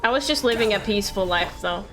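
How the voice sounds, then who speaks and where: This woman speaks quickly and expressively in a mid-range voice as she streams a game live. Her talk is loose, playful and meandering, aimed at viewers and herself alike, with game music behind her.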